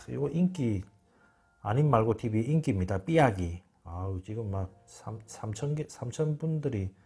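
A man's voice: on the low side, a little mellow, husky. A man giving an informal spoken lecture, emphatic and repeating words over and over. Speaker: channel host.

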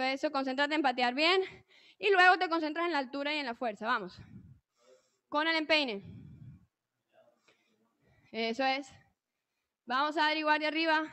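A woman coaching a live online fitboxing class, calling out counts and cheering the students on. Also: sits high. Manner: energetic, encouraging, calling out counts and cues. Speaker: fitboxing instructor.

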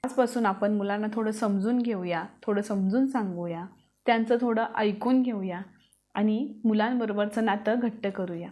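A woman's voice: mid-range voice, moderate pace, darkish tone. A woman talking to parents straight to camera in an earnest advice vlog, asking them many rhetorical questions. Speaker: parenting vlogger. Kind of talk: direct-to-camera advice talk.

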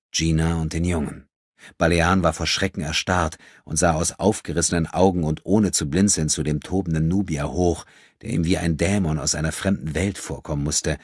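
Deep husky male audiobook narrator. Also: no echo, studio quality. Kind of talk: scripted narration.

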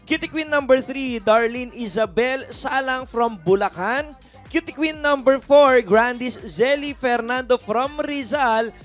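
A man hosting a live online show, teasing his co-hosts and rattling off contestant names in a lively way. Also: very high voice, measured pace. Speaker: host. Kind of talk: casual live show chat, announcing contestants. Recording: music playing behind.

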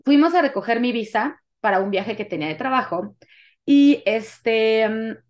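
In an interview, a young adult guest with a Mexican Spanish accent describes events from her own life at a moderate pace. Her pitch is fairly high, and she narrates energetically, acting out the quoted dialogue.

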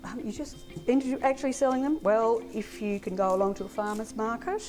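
Older woman, relaxed chatty home cook, home kitchen, lapel mic, music bed clearly audible underneath. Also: fairly high pitch, a little fast. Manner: relaxed, plain-spoken, frequent ums. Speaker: guest chutney maker. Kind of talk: casual cooking chat.

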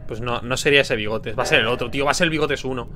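A man's voice: mid-range voice, racing, music in the background. Man muttering through a game. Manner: mutters to himself, bursts into loud frustrated swearing. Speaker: gaming streamer. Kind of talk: casual gameplay commentary with friends.

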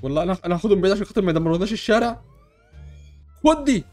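Frantic fast-talking young Egyptian man. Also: high voice, animated, faint music behind. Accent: Egyptian Arabic. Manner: loud, frantic and constantly exclaiming. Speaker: gamer playing a superhero in a block-building game. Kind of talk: excitable role-play over gameplay.

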